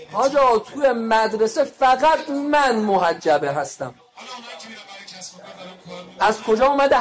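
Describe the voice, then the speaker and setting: A man's voice: very high voice, a bit bright. A man who is a cleric, giving a sermon in a colloquial way, retelling conversations with quoted lines from around Qom. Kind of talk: sermon with anecdotes.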